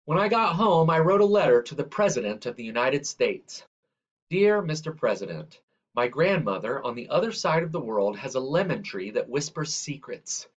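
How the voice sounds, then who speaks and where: A storyteller reads a children's picture book aloud in a medium-pitched male voice. His scripted narration is measured and expressive, and he lingers on the ends of phrases. The recording sounds somewhat dull and lo-fi.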